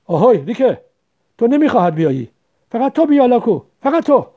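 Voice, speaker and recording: A man's voice: very high-pitched, sing-song, pitched above the performer's own voice, full character voice. A man voicing a bossy, menacing young village man who barks orders. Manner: commanding, growling, loud. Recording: dull lo-fi recording.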